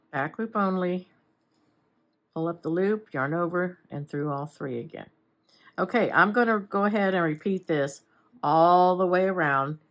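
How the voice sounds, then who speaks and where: A woman with a somewhat low voice walks through crochet steps in a relaxed, casual tutorial. She talks as she works, unhurried, with chatty little asides and self-corrections. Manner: unhurried, talks while working with her hands. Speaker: crochet instructor. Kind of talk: casual step-by-step craft tutorial.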